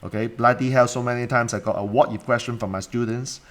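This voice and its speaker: A man in middle age speaks with a strong Cantonese accent at an average male pitch. He teaches like an informal coach on a live stream, blunt and emphatic. He repeats himself and leans on rhetorical questions. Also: steady tone, fast talker. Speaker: coach and mentor teaching a live online class.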